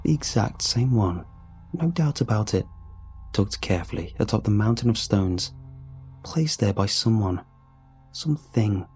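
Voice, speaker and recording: A man reading a scripted horror story aloud in a slow, hushed and deliberate manner. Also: fairly low pitch, lively intonation, faint music behind. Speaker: narrator.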